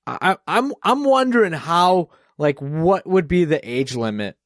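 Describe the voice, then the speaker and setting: A man's voice: on the high side, expressive, unhurried, dry recording, clean studio sound. A man with a Boston accent hosting a podcast, rambling in casual chat and swearing freely. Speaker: podcast host.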